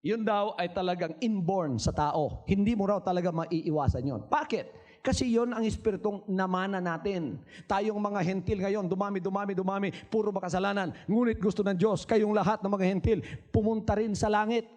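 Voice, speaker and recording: High-pitched pastor preaching. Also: male voice, normal speed. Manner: swings from soft low asides to high shouted exclamations, repeats words for emphasis; asks the crowd rhetorical questions. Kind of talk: Taglish preaching sermon to a congregation.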